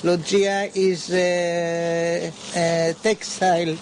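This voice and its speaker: Older woman from Israel, interview guest, speaks slowly and haltingly while searching for words, faint background noise. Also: lowish voice, little pitch movement, darkish tone. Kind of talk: unscripted recollection.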